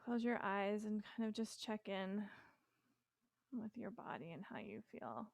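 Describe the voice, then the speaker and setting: Woman yoga instructor, unhurried and calm, gravelly edge, dry close sound. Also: mid-range voice, no echo. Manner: calm, slow, gentle guidance with casual fillers.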